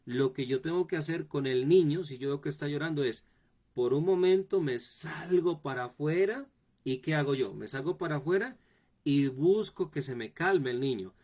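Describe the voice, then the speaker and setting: A man's voice: a little high, normal speed, a little mellow. Preaching pastor, man. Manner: repetitive, direct address to the congregation. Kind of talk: sermon teaching.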